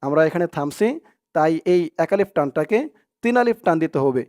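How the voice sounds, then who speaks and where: A man's voice: fairly high pitch, lively intonation, brisk, a little mellow. A man teaching Quran recitation, spelling out syllables one by one and repeating them for his students. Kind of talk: step-by-step recitation lesson.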